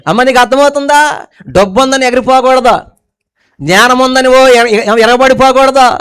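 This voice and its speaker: A male pastor delivers a sermon in a high, smooth, resonant voice. He keeps throwing questions at the congregation and drops from forceful emphatic lines to quiet, low asides. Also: normal speed. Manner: preaching with call-and-response questions to the congregation.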